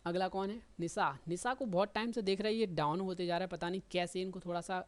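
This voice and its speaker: A man's voice: high voice, steady tone, fast talker. A man, going through students' stenography test results and correcting their mistakes one by one. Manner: explanatory, corrective, addresses students by name. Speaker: stenography teacher. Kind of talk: result analysis lesson.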